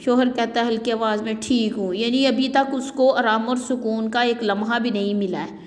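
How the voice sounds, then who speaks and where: A woman's voice: fairly high pitch, steady tone. Woman teacher reading a play, echoey hall. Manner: acts out each character's lines while reading. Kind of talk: reading a play aloud in class, explaining scenes. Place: classroom or school room. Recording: echoey room with long reverb.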